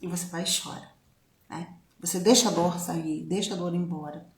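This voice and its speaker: A woman's voice: lowish voice, steady tone, brisk. A woman with a Brazilian Portuguese accent giving a reflective personal talk, conversational and full of tag questions. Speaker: speaker on self-knowledge. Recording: roomy echo.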